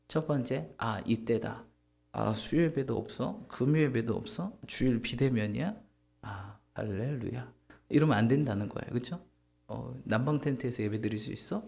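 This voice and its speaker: A male pastor preaching in a homely, joking way. His voice rises and falls with a lot of movement and has a gravelly edge. He keeps asking the congregation questions and acting out what people say. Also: medium pitch, a little mellow. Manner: asks the congregation questions and acts out quoted speech; jokey and homely. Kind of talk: conversational Sunday sermon.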